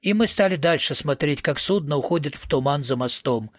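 A man's voice: a little high, animated, fairly quick, no echo, studio quality. Slangy, wisecracking male storyteller. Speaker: audiobook reader. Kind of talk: first-person storytelling narration.

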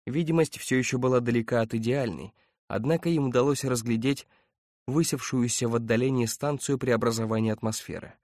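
A man narrating an audiobook with a steady, even reading. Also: medium pitch, a little fast, dry recording, clean studio sound. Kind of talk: scripted narration.

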